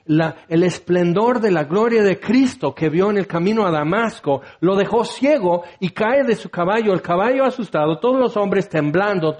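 A man preaching a sermon with dramatic swings between raised passages and hushed ones. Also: high-pitched.

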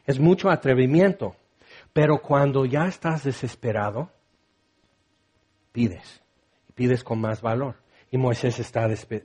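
A man preaching a sermon with dramatic swings between raised passages and hushed ones. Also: medium pitch, breathy edge.

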